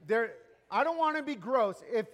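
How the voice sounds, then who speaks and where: A man preaching a sermon as pastor, joking and animated, pausing for an interpreter. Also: very high voice, in a large hall.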